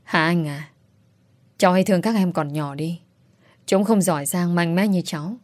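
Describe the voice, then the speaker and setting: A woman's voice: fairly low pitch, moderate pace, a little mellow, dry recording, natural voice. A woman voicing a middle-aged uncle who grovels and wheedles for help, in an audiobook. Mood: pleading. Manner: imploring, wheedling. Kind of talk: audiobook character voice.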